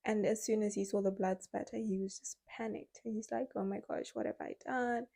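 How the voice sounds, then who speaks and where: A woman retells a true crime case in a casual, conversational way. Her pitch stays level, with little rise and fall. Her voice is mellow and subdued. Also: rough recording. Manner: conversational, recounting with quoted speech.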